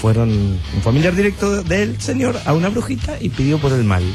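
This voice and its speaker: A man's voice: a little high, normal speed, over music. A man with an Argentine accent, co-hosting a radio show and teasing his colleagues in the studio. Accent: Argentine Spanish. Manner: excitable, teasing. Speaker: radio co-host. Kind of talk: casual studio banter.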